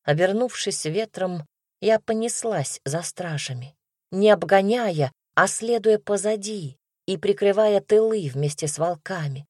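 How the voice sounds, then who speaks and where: A woman reading a first-person fantasy audiobook in a steady, expressive way. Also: medium pitch, a little slow, slightly rough, dry recording, clean studio sound. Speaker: audiobook narrator.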